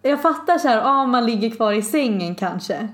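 A woman's voice: on the high side, lively intonation. A young woman co-hosting a podcast, frank and opinionated in casual chat. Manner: frank, opinionated, quick to agree. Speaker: podcast co-host.

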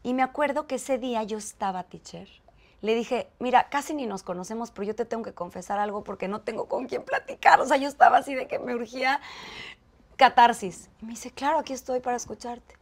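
A woman with a Mexican accent, a guest in an interview, telling a story with lively acted-out dialogue. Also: on the high side, a little fast. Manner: animated, acts out quoted dialogue.

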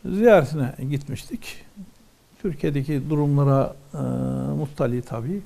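A man's voice: a little high, lively intonation, normal speed, dark tone. A man teaching from a religious text, reading ornate old wording aloud and then explaining each phrase in plain words.

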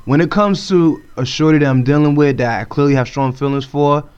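A man's voice: on the high side, a little fast, a little mellow, smooth. A man co-hosting a podcast in casual debate, laying out his points methodically. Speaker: podcast co-host. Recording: dull lo-fi podcast audio.

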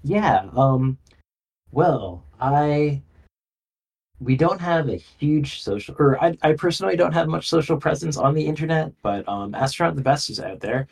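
A man guesting on a podcast, talking casually about his game with many pauses and restarts. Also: mid-range voice, a little mellow, husky, far from the mic, rough recording. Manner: hesitant, many ums and restarts.

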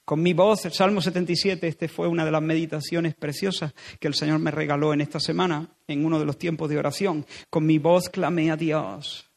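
A man from preaching a sermon, building from quiet storytelling to loud, emphatic repetition. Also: a little high, little pitch movement, fairly quick, gravelly, hardly any pauses.

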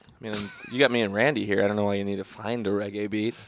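A man's voice: on the low side, little pitch movement, fast talker, slight background noise. A man chatting in casual, joking banter.

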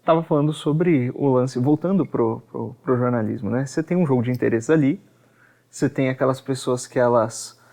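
A man hosting a podcast, explaining ideas thoughtfully and pausing to repeat words as he thinks. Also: medium pitch, gravelly, a little mellow. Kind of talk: casual discussion.

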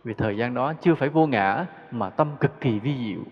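Male Buddhist teacher, relaxed sermon full of questions; dull recording in a reverberant hall. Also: medium pitch, brisk. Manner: conversational, rhetorical questions, chuckles. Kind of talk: dharma talk.

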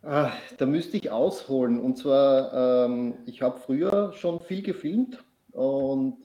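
Man, podcast guest, rambling anecdote with lots of fillers, mid pitch, roomy echo. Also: slow pace, dark tone. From Austria. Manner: rambling storyteller with many fillers and restarts. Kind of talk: casual chat.

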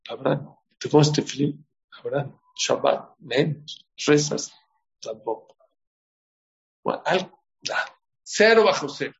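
Guy preaching a sermon w/ stories, kinda high gravelly voice, dull lo-fi sound. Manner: storytelling, asks the audience questions. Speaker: rabbi. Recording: dull lo-fi recording.

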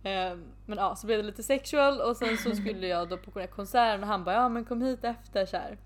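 A woman's voice: medium pitch, noisy background. Giggly young woman telling a story. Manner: giggly storyteller, acts out chats in English. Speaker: podcast co-host. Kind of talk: casual chat.

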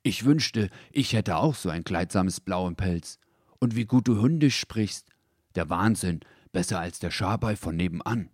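A man voicing a big, kind male dog in a storybook, speaking gently and reassuringly. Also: sits low, a little slow, breathy edge, no room sound, clean studio sound. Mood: agreeing.

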